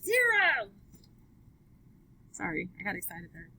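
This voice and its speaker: A woman's voice: a little high, expressive, slow, a bit bright, poor audio. A woman teaching a math class, upbeat, asking students question after question as she works through graphs. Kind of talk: live classroom lesson.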